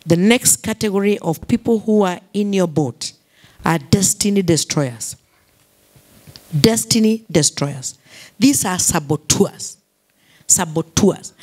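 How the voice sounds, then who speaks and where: A woman's voice: fairly low pitch, darkish tone. A Kenyan woman pastor preaching a sermon, repeating key phrases, mixing English with Swahili and calling for responses from the congregation.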